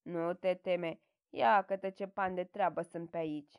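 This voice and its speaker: A woman's voice: lowish voice, steady tone, clear, resonant tone, dry recording, dull audio, voice pushed down, lightly acted. A woman voicing a simple, earnest young peasant man in a storybook reading, naive and plain-spoken, with a dry close sound. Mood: timid.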